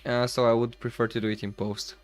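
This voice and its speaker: A young streamer from the Balkans chats loosely over vlog footage, laughing readily and filling his rambling talk with fillers. He talks fast in a level, mid-range voice.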